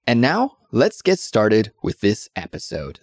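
Low-voiced man hosting a learner podcast. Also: wildly swooping pitch, measured pace. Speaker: podcast host. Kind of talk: scripted announcement and casual interview.

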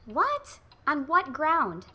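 A woman playing a level-headed, exasperated assistant detective in an old-style radio drama, brisk and earnest. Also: high-pitched, wildly swooping pitch, pushed and bright, heavily acted. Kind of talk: 1940s radio acting.

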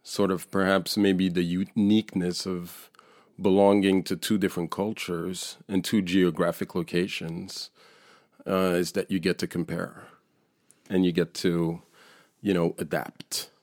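A man's voice: low-pitched, little pitch movement, a little slow, a little mellow, no echo, clean studio sound. A man in his forties from France, a painter being interviewed, talking in a hesitant, thoughtful way with many fillers. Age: 40s. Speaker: guest painter. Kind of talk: casual interview.

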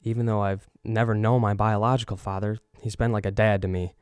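A man's voice: on the low side, flat delivery, fairly quick, a little mellow, smooth, no echo, studio quality, natural voice. An actor playing an earnest, devout young male martial artist in an audio drama. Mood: prayerful. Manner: earnest, emotional.

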